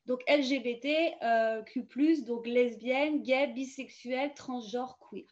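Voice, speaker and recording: A woman with a fairly high voice explains things to young viewers in a casual, hesitant way, stopping often on fillers. Her sound comes through a dull, lo-fi video call line. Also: slow pace. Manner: hesitant, many fillers and restarts. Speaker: youth information presenter. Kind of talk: casual informative talk.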